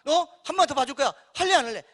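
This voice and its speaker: Male pastor playing a fed-up God in a sermon, high-pitched scolding threats. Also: expressive, very fast, fairly bright tone. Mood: exasperated warning. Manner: scolding, threatening, rhetorical questions. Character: exasperated God issuing stern warnings.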